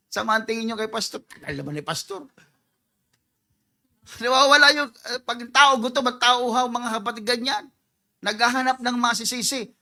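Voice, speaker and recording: A pastor delivering a sermon in a high, ringing voice. He mixes Tagalog and English freely, dropping low for scripture and rising to loud, emphatic calls. He acts out people's prayers to make his point. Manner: swings from quiet reading to loud emphatic preaching.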